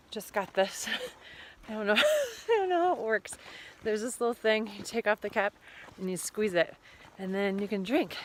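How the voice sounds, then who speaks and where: A middle-aged woman talks into a handheld camera on an outdoor mountain trail, joking as she goes. She sounds a little out of breath, and her voice sits in an even middle register. A faint wash of outdoor noise is heard under her. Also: medium pitch. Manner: chatty, joking, laughs often. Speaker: vlogger. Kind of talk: casual hiking vlog.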